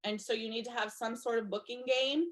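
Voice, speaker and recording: A woman with a somewhat high voice, giving chatty instructional talk to a group of sellers. Her voice is a little hoarse, as if she is losing it. She keeps checking in with her listeners as she explains each step. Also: fairly even intonation, a little fast. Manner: chatty, checks in with "okay?" and "you guys". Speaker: direct sales trainer.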